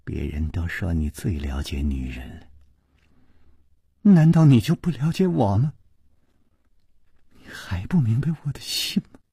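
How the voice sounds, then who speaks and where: A man voicing a cold, proud young woman who turns teasing and coy, speaking low and breathy in a slow story reading. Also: animated, dark tone, dry recording, studio quality, heavily acted.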